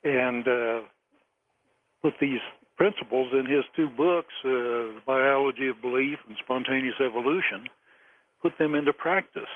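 A man in his seventies calling in to a radio show over the phone, speaking haltingly and chuckling often between phrases. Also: mid-range voice. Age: 70s. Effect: caller heard over a phone line. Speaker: caller to a late-night radio show. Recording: tinny phone line with faint noise.

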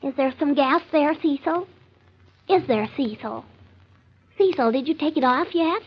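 An actress playing a prim, nervous, stubbornly clinging wife, fretful and earnest, in old-time radio comedy style. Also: female voice, sits high, a little slow. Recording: dull, lo-fi old radio recording.

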